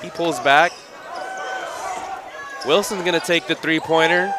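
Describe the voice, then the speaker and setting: A man calling live college basketball play-by-play in brisk, clipped phrases that rise on big plays. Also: on the high side. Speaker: play-by-play announcer. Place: college gym. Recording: loud crowd and gym noise.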